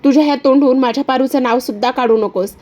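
A woman's voice: high-pitched, quick pace, darkish tone, highs cut off, close to an everyday voice. A woman voicing a proud young man who speaks firmly and heatedly in a retold story. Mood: angry. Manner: firm, heated.

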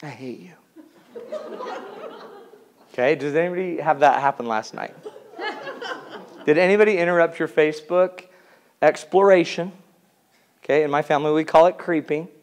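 Jokey 40s guy teaching a class, asks the room lots of questions, voice on the high side. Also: fairly quick, long pauses, a little hiss or hum. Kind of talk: comedic lecture to a class.

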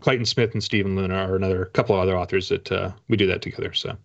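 A man in his forties, a guest author, chats casually in an interview over a video call from a home room lined with bookshelves, rambling and putting himself down. His low voice is gravelly and steady in tone, and he talks very fast. Soft background music plays, and the call audio is dull and lo-fi.

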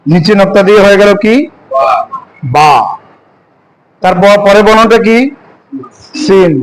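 A man's voice: high-pitched, a little slow, background noise. A man teaching Quran reading in a classroom lesson, asking questions and answering them himself, drawing out words as he recites. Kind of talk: classroom lesson on Arabic letters.

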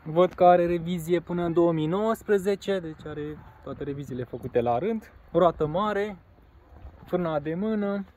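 A man's voice: high voice, a little mellow, muffled recording. Man presenting a caravan outdoors. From Romania. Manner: plain, matter-of-fact, pauses with fillers. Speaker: caravan seller. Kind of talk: casual walkaround presentation. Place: outdoors on a grassy lot beside a caravan. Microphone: phone camera held by the speaker.

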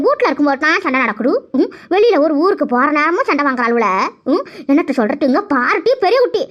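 A woman voicing a sharp-tongued village woman who scolds and grumbles sarcastically in a cartoon family quarrel. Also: sits high. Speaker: cartoon voice artist. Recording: dull lo-fi recording.

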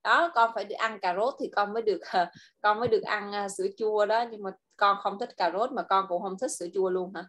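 A woman's voice: medium pitch, steady tone, fast talker, fairly bright tone. A woman teaching English to a child one on one, patiently coaxing him and modeling short phrases for him to repeat.

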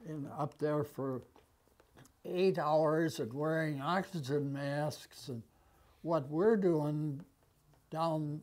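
An American man in his nineties with an aged voice, recounting memories conversationally and haltingly, with long pauses. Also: a little high, fairly even intonation, darkish tone. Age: 90s. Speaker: war veteran being interviewed. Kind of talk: conversational reminiscence. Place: small office, indoors. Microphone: lapel mic.

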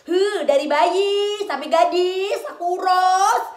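A woman's voice: very high voice, slow pace, voice pushed up. A woman voicing an exhausted pregnant mother who scolds her grown daughter in a nagging, sing-song way, in a comic skit. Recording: echoey room.

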